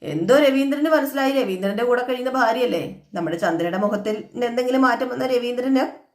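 A woman's voice: a little high, brisk. A woman retelling a television serial episode in a chatty way, acting out the characters' lines. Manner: chatty, acts out the dialogue. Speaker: serial recap vlogger. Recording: echoey room.

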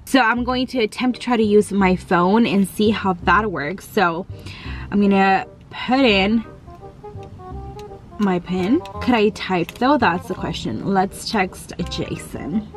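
A woman's voice: medium pitch, slow. Young woman, casual vlog chat, giggly, lots of "like", phone camera, faint music behind. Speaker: beauty vlogger. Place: in a car and out on errands.

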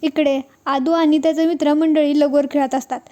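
High-voiced woman narrating. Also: normal speed. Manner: plain, steady retelling. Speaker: serial recap narrator. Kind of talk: storytelling narration.

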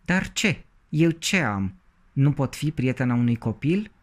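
A man's voice: mid-range voice, animated, voice pushed up, lightly acted. A man voicing a proud, touchy female cauliflower who scolds in a haughty tone.

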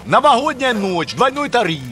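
An actor playing a brash, dealing village tractor driver, with folksy bantering speech. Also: male voice, extremely high pitch, big pitch swings, moderate pace, background noise.

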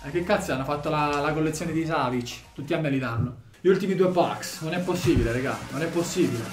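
A man commentating as he opens game packs, swinging from shouted excitement to low muttering. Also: fast, roomy sound, faint music behind. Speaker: gaming YouTuber opening packs.

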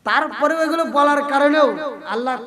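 A man's voice: extremely high pitch, a little fast. A male Islamic preacher, giving a jocular waz sermon and keeping the crowd answering back. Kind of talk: Bengali waz sermon at a religious gathering.

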